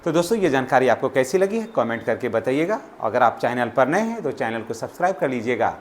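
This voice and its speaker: A man, hosting a channel and reading out an exam syllabus topic by topic in quick, repetitive instructions. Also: mid-range voice, very animated, slight background noise. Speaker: channel host.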